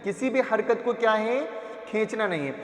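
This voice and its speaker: A man teaching Quran reading, slowly sounding out syllables one by one and asking his own questions. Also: high-pitched. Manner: drills letter sounds, repeats each syllable, asks and answers his own questions. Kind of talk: slow classroom recitation lesson. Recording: echoey roomy reverb.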